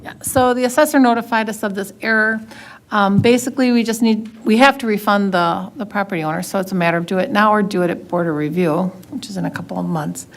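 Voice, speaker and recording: A woman's voice: medium pitch, fast. A woman on village staff who calls the roll and explains items plainly at a public meeting. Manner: matter-of-fact, reads roll call. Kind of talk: formal meeting business. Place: village board meeting room.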